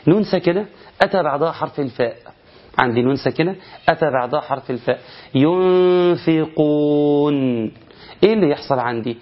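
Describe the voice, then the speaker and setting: A man with an Egyptian Arabic accent teaching Quran recitation rules in a lively, question-and-answer style, drawing out words to demonstrate them. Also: mid-range voice, muffled recording. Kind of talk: colloquial recitation lesson.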